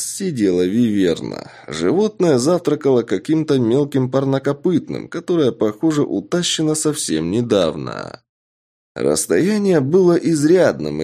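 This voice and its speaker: A man narrating a fantasy audiobook in the first person, with expressive storytelling. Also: on the low side.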